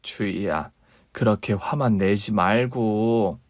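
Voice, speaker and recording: A man's voice: a little high, normal speed, no room sound, studio quality, close to an everyday voice. A man voicing a hurt, long-suffering middle-aged mother who talks in a pleading, emotional way. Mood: gentle.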